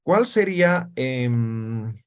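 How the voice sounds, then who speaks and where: Speaking very slowly, clearly, and animatedly in a medium-pitched, resonant voice, a man teaches a classroom lesson in Aymara, his own language. He keeps checking comprehension with frequent "¿no ve?" tags.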